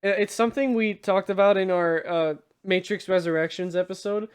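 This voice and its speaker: Man, very high-pitched, tipsy, excitable, emphatic, casual movie banter, podcast host. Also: brisk, clean tone. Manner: tipsy, from drinking on the show.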